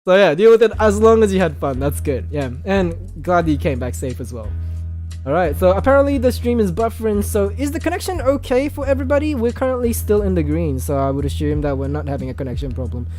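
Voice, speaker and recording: A man hosting a casual livestream, reading viewer comments aloud in an animated, jumpy voice with frequent laughs, on a desk mic. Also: fast talker. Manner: animated, jumpy pitch, laughs often, talks straight to chat. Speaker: livestream host. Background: background music playing.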